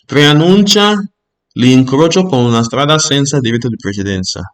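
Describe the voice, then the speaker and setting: A man talking through a driving theory lesson in a steady, patient way. His voice sits at an ordinary middle pitch. He reads out each rule, then explains it plainly and checks in with the listener. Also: brisk.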